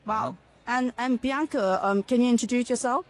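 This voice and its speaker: A woman's voice: a little high, normal speed. A middle-aged woman interviewing festival jurors in a casual way, often repeating words as she starts a sentence.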